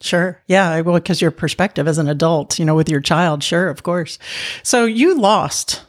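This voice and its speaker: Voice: mid-range voice, a little slow. Sympathetic, affirming interview host. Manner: affirming, sympathetic, rambling questions. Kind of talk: conversational interviewing.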